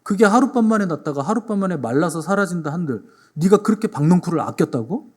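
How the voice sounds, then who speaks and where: God, as a man playing him, a calm fatherly voice. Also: high-pitched, quick pace. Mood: reasoning. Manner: plain reasoning tone, rhetorical questions. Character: God, calm fatherly male deity questioning a sulking prophet.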